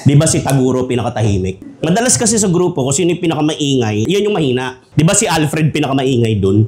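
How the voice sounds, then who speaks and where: A man's voice: mid-range voice, very animated, fast, mellow, slight background noise. A man from the Philippines preaching a humorous sermon as pastor, joking and conversational, laughing often.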